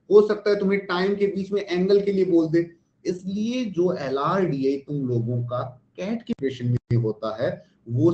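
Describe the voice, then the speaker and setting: A man's voice: a little high, darkish tone. An Indian man teaching a live online class, firing rhetorical questions at students and mixing in English phrases. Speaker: online test-prep teacher. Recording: echoey, dull lo-fi stream.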